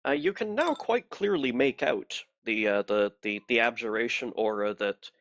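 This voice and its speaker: Animated male game master, precise phrasing. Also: mid-range voice. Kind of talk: narrating a tabletop game.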